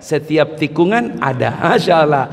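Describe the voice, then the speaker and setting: A man preaching at a mosque, telling animated stories with jokes and frequent exclamations. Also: fairly high pitch, moderate pace. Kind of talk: lively mosque sermon. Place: mosque hall. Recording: long mosque reverb.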